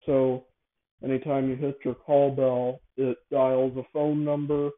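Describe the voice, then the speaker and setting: A male show host with a medium, level voice improvises a casual monologue explaining an idea for a device. He talks haltingly, repeating and correcting himself, and the audio sounds thin and narrowband, like a phone.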